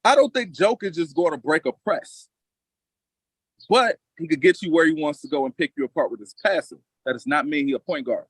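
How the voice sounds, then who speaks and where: A man's voice: fairly high pitch, expressive, fairly quick, breathy edge, no echo, rough recording. A man with a slightly raised voice recorded close and dry, with no room sound, lays out his coaching plan on a basketball podcast. He speaks emphatically and confidently, hammering points home by repeating them. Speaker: podcast co-host with coaching experience. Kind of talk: casual basketball analysis.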